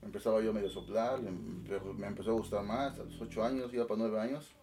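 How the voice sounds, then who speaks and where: Mexican man in his twenties, low-pitched voice, a bit off the mic, relaxed and laughing. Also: fast talker, recorded from a distance, background noise. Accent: Mexican Spanish. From Oaxaca, Mexico. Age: 20s. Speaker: guest musician, band director. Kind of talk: casual interview chat.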